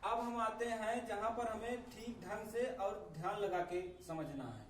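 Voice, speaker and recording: A man teaching a grammar lesson, explaining slowly and methodically, spelling out sounds one by one. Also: high voice. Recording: echoey room, voice from a distance, faint ambient noise.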